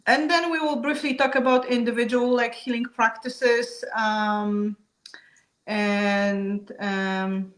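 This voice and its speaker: A woman guest explaining her topic calmly, now and then with a soft laugh. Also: on the high side, slow. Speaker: guest speaker. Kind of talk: explanatory talk on traditions. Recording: roomy echo.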